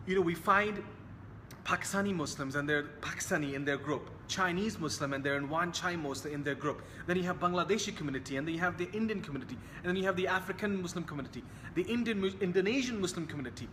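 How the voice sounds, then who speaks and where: Young hong kong guy, high bright voice, earnest and repeats himself a lot, kinda echoey. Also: fast talker, slight background noise. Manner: earnest, repetitive, sprinkled with religious phrases. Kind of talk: casual talk to camera.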